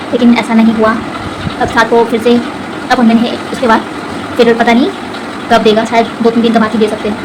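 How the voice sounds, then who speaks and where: Young woman vlogger, high-ish voice, chatty and rambling, words a bit slurred from anesthesia, faint noise behind. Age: young adult. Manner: chatty, rambling, exasperated asides. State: slightly slurred speech from dental anesthesia. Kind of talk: casual vlog chat. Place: hostel room.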